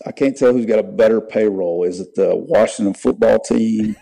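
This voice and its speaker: A man in casual sports chat as a guest, halting and repeating phrases. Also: fairly low pitch, creaky, mellow, poor audio. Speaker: podcast guest.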